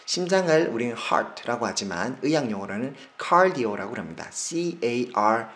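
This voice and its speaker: A man, a doctor, explaining medical specialties in a casual lesson, slowing down to spell and stress English terms, with frequent fillers and self-corrections. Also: medium pitch, big pitch swings, a bit bright.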